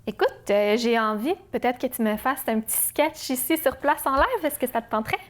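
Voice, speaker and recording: A woman's voice: high-pitched, brisk. A woman talk show host introducing a segment and inviting her guest.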